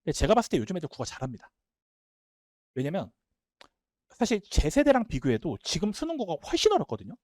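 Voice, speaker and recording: Brief: male instructor, slightly high voice, very animated delivery, seminar lecture. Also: dry recording, clean studio sound. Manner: emphatic, talks fast and animated. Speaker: Korean-language instructor.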